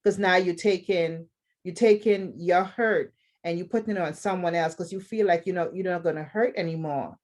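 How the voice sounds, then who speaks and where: Earnest Bahamian woman, low voice. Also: steady tone, moderate pace, darkish tone. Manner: earnest, repeats phrases for emphasis. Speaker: podcast host. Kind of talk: personal advice monologue.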